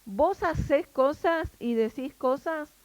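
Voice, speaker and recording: Argentine woman, Bible teacher at a women's meeting, raised pitch, dry close sound, explains each word and checks with her listeners. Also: slow, dry recording. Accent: Rioplatense Spanish.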